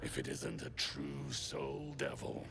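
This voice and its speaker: Gravelly, sly, very deep hobgoblin. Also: male voice, huge pitch swings, takes it slowly, loud music behind the voice, heavily acted. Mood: sly, frustrated. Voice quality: gravelly, growling. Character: gravelly, sly, brutish male hobgoblin zealot. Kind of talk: fantasy video game acting.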